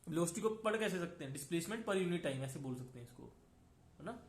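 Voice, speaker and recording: A man with a slightly high, lively voice lectures on physics fairly quickly in a reverberant room. His classroom talk mixes Hindi and English, proceeds step by step, and is peppered with "है ना" to check on students.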